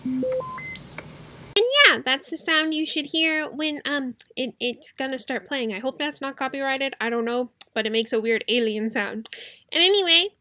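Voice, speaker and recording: A young woman with a high, bright, pushed voice hosts a how-to video from a small bedroom, chatting informally with viewers in a giggly, rambling way. She's a YouTuber and cassette collector, speaking at normal speed with lively intonation and no echo.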